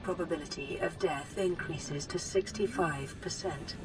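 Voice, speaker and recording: A woman voicing a calm, gentle female care computer AI in a game, giving even, clinical status reports over loud music. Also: fairly low pitch, measured pace, natural voice. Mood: calm reporting.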